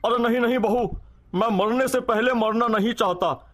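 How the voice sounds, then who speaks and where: A greedy, blustering cartoon uncle who grumbles and protests theatrically, voiced by a man. His voice sits high for a man and stays full of loud complaint. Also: normal speed, soft background music. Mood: indignant. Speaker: character voice in a cartoon story.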